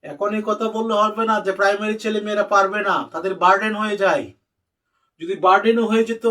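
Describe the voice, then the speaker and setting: A man's voice: high voice, fairly bright tone, distant mic, rough recording. A male English teacher giving a spelling and pronunciation lesson, spelling out letters one by one and talking directly to his students.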